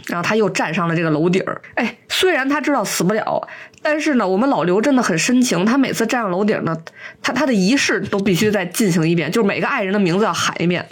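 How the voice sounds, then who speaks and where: A woman co-hosting a podcast, retelling a TV plot in casual chat, animated and acting out the quotes as she goes. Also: mid-range voice, fast talker. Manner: animated storyteller, acts out quotes, laughs often. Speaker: podcast co-host.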